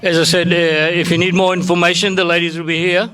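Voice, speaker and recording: A man's voice: sits high, little pitch movement, quick pace, sharp tone, smooth. A man speaking casually as a tour guide, announcing to a group at a festival.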